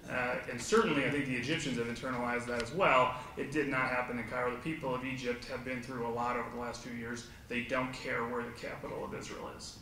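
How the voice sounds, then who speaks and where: A man's voice: mid-range voice, level tone, fast talker, few pauses, a little hiss or hum. Emphatic man speaking from far off in an echoey hall. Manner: forceful, sarcastic, emphatic. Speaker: panelist. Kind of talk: panel discussion argument. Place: conference hall.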